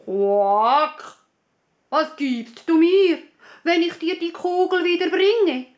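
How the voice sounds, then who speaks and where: A woman voicing a persistent little male frog in a spoken fairy tale, breaking in with croaks as he pleads. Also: slow. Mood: insistent. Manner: croaks "quack" between words, high and insistent.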